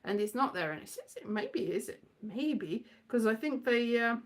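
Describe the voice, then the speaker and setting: Speaking at normal speed with lively intonation and a slightly high pitch, a woman rambles playfully and scattily, going off on tangents and repeating words. She acts out quotes using put-on voices.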